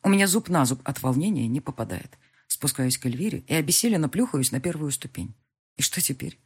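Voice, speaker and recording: A woman reading a first-person audiobook in a husky, somewhat breathy voice. She sits fairly low in pitch but moves her intonation around a lot. The storytelling is expressive. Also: fairly quick. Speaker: audiobook narrator.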